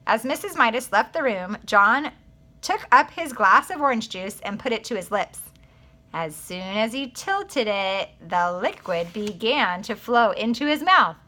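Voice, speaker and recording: A woman, a teacher, reading a children's book aloud in an expressive, animated way. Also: a little high, a little slow.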